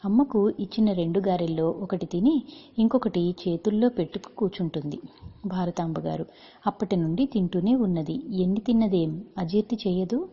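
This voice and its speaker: A woman narrating a story in a steady, unhurried manner. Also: on the low side, breathy edge, lo-fi sound.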